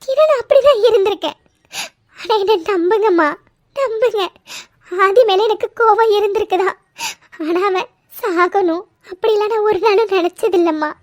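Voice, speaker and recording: A woman's voice: very high voice, moderate pace, no room sound, clean studio sound. A woman voicing a scheming, tearful sister-in-law in a cartoon, pleading and swearing oaths. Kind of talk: cartoon voice acting.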